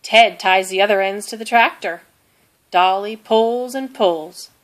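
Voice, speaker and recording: In a measured yet expressive way, a woman with a mid-pitched voice narrates a storybook for children.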